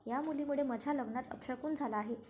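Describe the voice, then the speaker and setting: A woman's voice: high voice, fast, darkish tone, natural voice. A woman voicing an angry, accusing young bride in a spoken serial recap, in a slightly muffled recording with faint noise.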